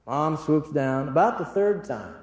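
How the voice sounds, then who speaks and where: A man's voice: fairly high pitch, big pitch swings, unhurried. A man giving an earnest inspirational church talk, telling stories and speaking directly to his audience. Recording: echoey hall with long reverb.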